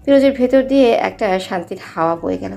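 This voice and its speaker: Warm-toned woman narrating a story. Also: medium pitch, lively intonation, quick pace, creaky, soft background music.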